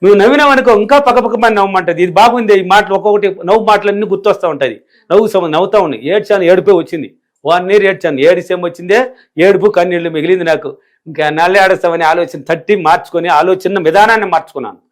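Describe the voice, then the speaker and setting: A spiritual teacher, middle-aged and from a village in rural India, responds to an interview in a voice that sits high and moves very fast. He is emphatic and repetitive, driving home every point he makes.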